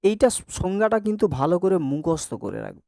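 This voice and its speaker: A man's voice: sits high, sing-song, quick pace, gravelly, warm tone, no echo, studio quality. A male teacher giving a classroom lesson, asking the class questions and repeating sounds over and over to drill pronunciation. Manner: asks the class checking questions. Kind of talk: classroom lesson on Bengali grammar.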